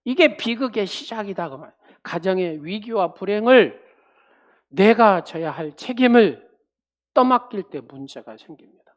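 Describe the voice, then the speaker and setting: A woman pastor preaching a sermon. She calls on the congregation, acts out quoted speech, and swings from loud to quiet. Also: fairly high pitch. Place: church.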